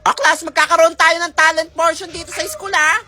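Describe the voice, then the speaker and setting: A woman narrating a comedy skit in a loud, excitable way, often shrieking and joking. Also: very high-pitched, fairly quick, very noisy.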